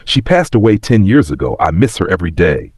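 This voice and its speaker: A man voicing a wistful, regretful very old man of ninety who tells of his past in a reflective, plain-spoken, husky voice in a story. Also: low voice, sing-song, brisk, a little mellow, dry recording, clean studio sound, heavily acted. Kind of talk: scripted story reading.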